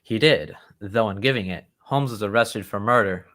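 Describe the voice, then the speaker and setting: An actor playing a genial, loyal and excitable English gentleman doctor who tells stories in old-time radio drama style. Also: lowish voice, moderate pace, natural voice. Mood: earnest storytelling. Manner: genteel, old-fashioned storytelling.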